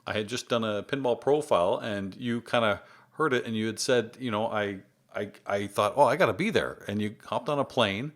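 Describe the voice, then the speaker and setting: A man's voice: lowish voice, normal speed, hardly any pauses. Brief: male podcast host, enthusiastic and emphatic, easy chat. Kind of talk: casual interview chat.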